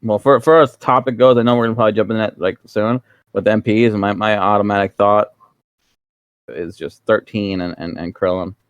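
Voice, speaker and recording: A man's voice: lowish voice, fairly even intonation, brisk, smooth, dry recording, lo-fi sound. A man co-hosting a casual gaming chat, grumbling and rambling with plenty of profanity.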